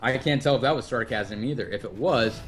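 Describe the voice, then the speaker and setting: A man's voice: mid-range voice, fairly quick, soft background music. A man hosting a livestream podcast, telling stories in casual chat and swearing freely. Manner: animated storyteller who swears freely. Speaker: podcast host. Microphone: livestream podcast mic.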